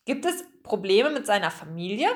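A wary male animal from a storybook growls out his doubts, played by a woman in a low-set, grumbling tone. He sounds skeptical and brisk, never trusting. The voice swings with lively pitch. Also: natural voice. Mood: suspicious. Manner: growling, suspicious. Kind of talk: audiobook character voice.

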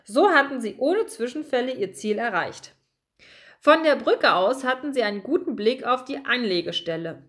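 Higher-pitched woman reading a children's story. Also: normal speed. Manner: expressive, lively reading. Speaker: narrator.

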